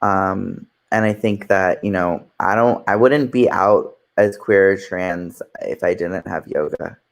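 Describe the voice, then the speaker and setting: A man's voice: low voice, measured pace, creaky. A man in his thirties, a yoga teacher speaking as an interview guest in a casual, filler-heavy way. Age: 30s.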